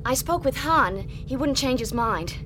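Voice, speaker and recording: A woman's voice: high-pitched, lively intonation, measured pace, music in the background. A woman playing a poised, earnest young rebel princess in a radio drama, composed, firm and sincere. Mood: concerned.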